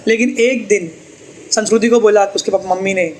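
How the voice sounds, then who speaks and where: A man's voice: sits high, fairly even intonation, fairly quick, darkish tone, slight background noise, rough recording. A man teaching a tuition class, chatty and teasing as he explains. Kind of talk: classroom lecture.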